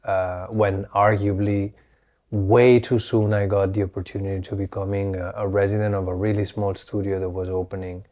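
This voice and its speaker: Reflective man, low dark voice. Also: little pitch movement, moderate pace. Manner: reflective, rambling with many restarts. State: recovering voice, slightly hoarse. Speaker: podcast host. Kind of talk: solo podcast monologue.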